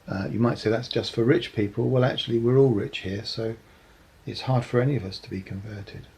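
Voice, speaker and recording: A man giving a reflective sermon talk, measured and earnest, often pausing with ums. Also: medium pitch, fairly even intonation, vocal fry, darkish tone, breathy edge, rough recording. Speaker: preacher.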